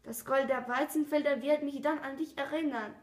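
A woman voicing a gentle, curious male fox in a storybook reading, earnest and coaxing, recorded with a roomy echo. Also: high-pitched, fairly even intonation, moderate pace, close to an everyday voice. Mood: wistful.

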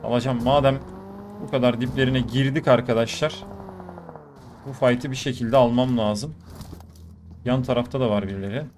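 A man's voice: mid-range voice, normal speed, pauses often. Male gaming streamer, chatty play-by-play, mid-range voice, faint background hiss. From Turkey. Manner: chatty, addresses viewers, bursts of excitement. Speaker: gaming YouTuber. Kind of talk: live commentary over mobile shooter gameplay.

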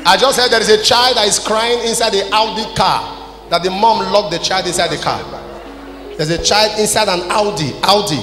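A high-pitched Nigerian man, an apostle leading a church service, preaches a sermon at normal speed from the stage of a large church hall. His manner is emphatic and scolding, built from short declarative phrases aimed at the congregation. Using a handheld mic, he booms through an echoey hall PA with music in the background.

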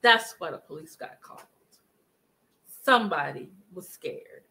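Bright-voiced woman hosting a live stream. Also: on the low side, expressive, a little slow, creaky, low-quality recording. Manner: emphatic, talks to chat viewers. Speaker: livestream commentary host. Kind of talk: casual live commentary. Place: living room at home. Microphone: webcam at desk distance.

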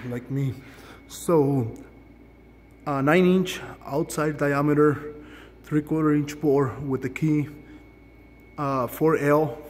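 In his home garage workshop, a DIY fabricator films himself on a handheld phone demonstrating a tool mod, rambling casually, self-deprecating, and peppering his talk with ums. His voice is on the high side and a little mellow, with a large-hall sound and a little hiss or hum.

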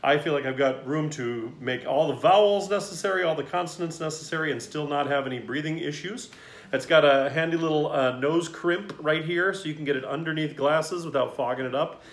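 A man's voice: on the high side, brisk. A man reviewing a singer's mask while wearing it, chatting in a friendly way with plenty of ums and uhs. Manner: friendly, hesitant with many fillers. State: through a face mask. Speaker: choir director. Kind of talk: casual product review. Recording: echoey room.

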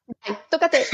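A woman hosting a reading show, chatting and laughing casually with a co-host and greeting viewers. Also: sits high. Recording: dull lo-fi audio.

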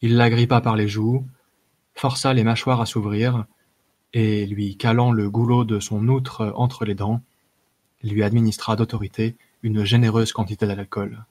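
A man narrating a fantasy short story as an audiobook reader, measured, with the odd hesitation. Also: fairly low pitch, flat delivery, a little mellow. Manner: measured reading with occasional filler hesitations.

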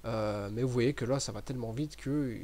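A man giving relaxed, chatty commentary over a game he is playing, with many fillers and restarts. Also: mid-range voice, moderate pace. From French-speaking. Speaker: gaming commentator. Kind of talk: casual gameplay commentary.

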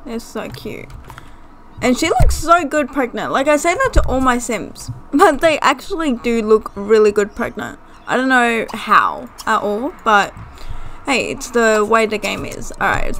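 A woman hosting a gameplay video, chatting casually and excitably with frequent giggles. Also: fairly high pitch, a little hiss or hum. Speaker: gaming video host. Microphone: desktop USB mic.

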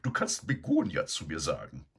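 A man voicing a huge, domineering female sow who barks orders in a high, sharp voice. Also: huge pitch swings, moderate pace, creaky, slightly rough, full character voice. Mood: bossy. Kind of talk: storybook reading.

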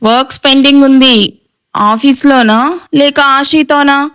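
A woman's voice: high voice, unhurried, fairly bright tone, pitched above the performer's own voice. Woman reading as a cold, commanding elder brother. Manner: cold, commanding, clipped orders. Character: stern domineering young man, hot-tempered elder brother.

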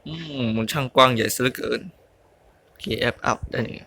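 A man's voice: mid-range voice, steady tone, fairly quick, creaky, bright, forceful tone. A young man giving casual let's-play commentary, muttering, grunting and exclaiming as he plays. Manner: mutters and grunts while playing, exclaims at mistakes. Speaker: gaming YouTuber.

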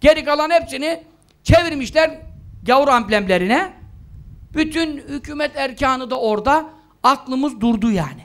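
A man's voice: expressive, moderate pace, a bit bright. A man preaching in a mosque at a pulpit microphone, earnestly urging his listeners and reciting prayers. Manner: earnest, exhorting, rising high when stressing points. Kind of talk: mosque talk with announcements and prayers.

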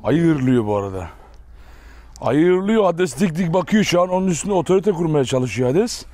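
A man's voice: on the high side, animated, normal speed, mellow, no echo. A young man talking casually to his viewers as a dog owner, chatty and direct, breaking off for short firm commands to his dogs outdoors. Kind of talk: casual talk to viewers while handling dogs.

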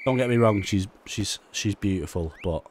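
A young man giving casual gameplay commentary, excitable and swearing often, with frustrated outbursts. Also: on the low side, moderate pace, a little hiss or hum. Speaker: gaming YouTuber.

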